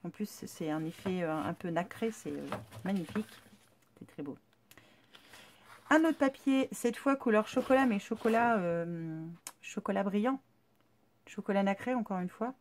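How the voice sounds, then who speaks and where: A woman's voice: mid-range voice, darkish tone. A woman YouTuber chatting casually through an unboxing, chatty and enthusiastic, with many fillers. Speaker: craft YouTuber.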